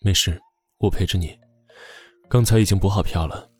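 A woman voicing a calm, wealthy young male tycoon in an audiobook, with a low, unhurried and quietly soothing delivery. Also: husky, no echo, soft background music. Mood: calm tender. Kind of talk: audiobook character voice.

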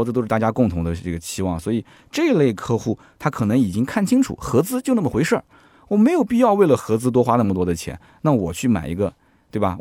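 A man hosting a podcast in casual chat, animated and chatty, often asking his listeners "right?". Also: on the low side, no room sound, clean studio sound. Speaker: podcast host.

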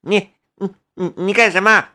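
Guy putting on a snotty rich teen boy, higher voice, mocking then stuttering, slightly off-mic sound. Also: lively intonation, normal speed, bright, forceful tone. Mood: stammering. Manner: taunting, stammers when scared. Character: arrogant, sneering rich teenage boy.

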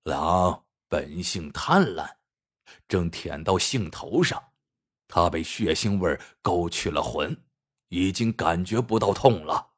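A man voicing a shrewd old village hunter who speaks slowly and knowingly, like someone lecturing. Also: low voice, animated, slightly rough, pitched below the performer's own voice, exaggerated voice.

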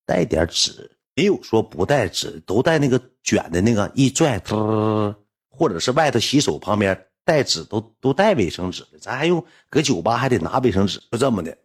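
Northeastern chinese guy ranting through a funny story, lively up-and-down voice. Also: on the low side, moderate pace, slightly rough. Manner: animated, rambling, indignant. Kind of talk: comic personal anecdote.

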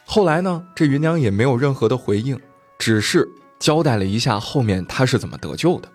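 Male podcast storyteller, lively and colloquial, a slightly husky voice, soft music underneath. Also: medium pitch, fairly quick. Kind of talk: animated storytelling of folk tales.

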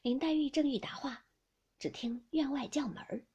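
A woman reading a classic novel aloud, expressive, often dropping into a breathy whisper. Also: high voice, normal speed, lo-fi sound. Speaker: audiobook reader.

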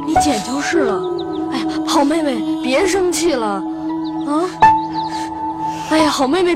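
A woman playing a pampered young nobleman, coaxing his cousin with repeated pleading, in a stage drama excerpt. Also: high voice. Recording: distant with loud music.

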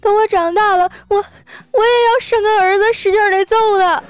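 A woman's voice: sits high, animated, normal speed, voice pushed up. A woman voicing a cheeky thirteen-year-old boy who whines and stammers. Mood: sobbing threat. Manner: whiny, stammering.

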